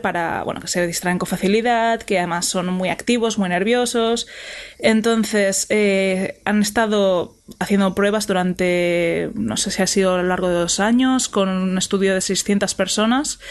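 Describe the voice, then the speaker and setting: A woman co-hosting a casual podcast, speaking with many fillers and restarts. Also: mid-range voice. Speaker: podcast co-host.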